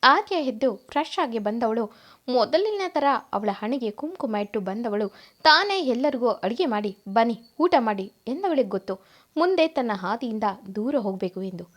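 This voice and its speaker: A woman narrating a serialized family drama story with expressive reading. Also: on the high side, normal speed.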